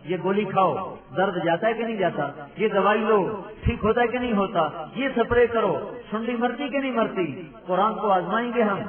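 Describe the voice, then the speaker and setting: Man preaching an impassioned sermon, echoey and far. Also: high-pitched. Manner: emotional, pleading, with rhetorical questions and Arabic recitation. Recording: echoey, distant, phone-like lo-fi sound.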